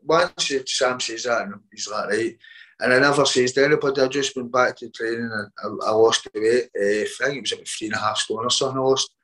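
A man's voice: mid-range voice, steady tone, a bit bright, low-quality recording. Boxer telling his story. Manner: halting, repeats words, quotes others as he tells it. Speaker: boxer being interviewed. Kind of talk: casual interview storytelling.

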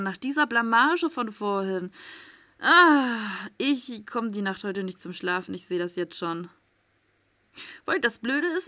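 A woman giving excitable live commentary on her gameplay, swearing freely and swinging between loud outbursts and tense whispers. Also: mid-range voice. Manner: swears freely, talks to viewers with tag questions. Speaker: let's play gamer.

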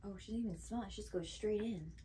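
A woman's voice: medium pitch, fast talker, mellow, a little hiss or hum. A woman co-hosting a casual taste-test video, dramatic and squeamish, laughing often. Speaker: co-host.

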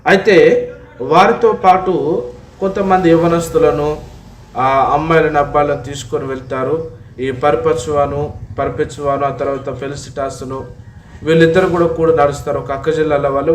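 Male pastor storytelling in a sermon, kinda high voice, lots of echo, faint background hum. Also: fairly even intonation. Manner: retells a martyr story with frequent drawn-out fillers; addresses listeners as God's children. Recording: echoey room, voice from a distant mic.

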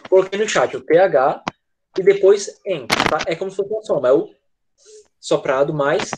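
A man's voice: high voice, lively intonation, normal speed, noisy background. Man teaching English online. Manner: patient, repeats "tá?" checks after each point. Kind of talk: online class, explaining pronunciation. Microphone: video call.

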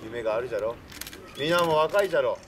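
Young guy acting as boastful old samurai lord, archaic talk, highish swoopy voice, noisy outdoor recording. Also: animated, fast talker, close to an everyday voice. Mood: wise, advising. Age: young adult. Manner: archaic old-man samurai speech, emphatic, jovial. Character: boastful, worldly-wise old samurai lord dispensing life advice. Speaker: costumed historical performer. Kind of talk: in-character talk show for castle visitors. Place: outdoor castle grounds beside a stone wall.

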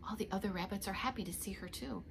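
This middle-aged woman, a preschool teacher, reads a picture book expressively and adds small remarks for the young children listening. Her medium-pitched voice is quick and creaky, and there's background noise in the home living room where she sits.

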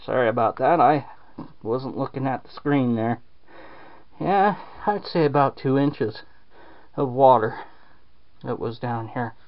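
A man's voice: medium pitch, measured pace, pauses often, no echo. A man casually rambling with plenty of fillers while filming a home repair walkthrough in a damp basement on a handheld camera. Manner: rambling, drawling, lots of fillers. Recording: dull lo-fi camera audio.

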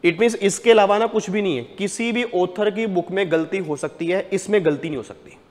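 A man giving a tax lecture to a class, animated, putting questions to the students and answering them himself. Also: high voice, moderate pace, long reverb tail.

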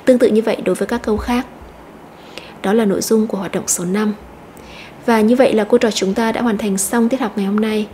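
A woman teacher explaining an English lesson step by step, slowly repeating each word to stress. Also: mid-range voice, fairly even intonation, mellow, slight background noise. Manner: methodical, repeats words slowly.

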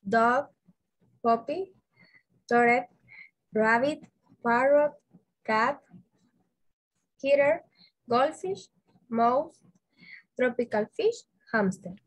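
Woman student listing words, really slow, a bit high. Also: poor audio. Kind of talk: reciting vocabulary in class. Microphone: video call.

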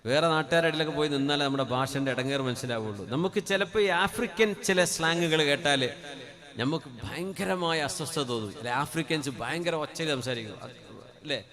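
A man from Kerala preaching a sermon into a microphone, dropping to soft conversational asides and rising to loud, drawn-out chanted Arabic phrases. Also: medium pitch, a crowd in the background. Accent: Kerala Malayalam. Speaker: Islamic preacher. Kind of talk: Malayalam sermon.

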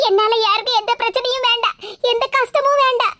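A woman's voice: extremely high pitch, steady tone, fast talker, pushed and bright. A woman voicing a meek, tearful young wife with a Tirunelveli Tamil accent.

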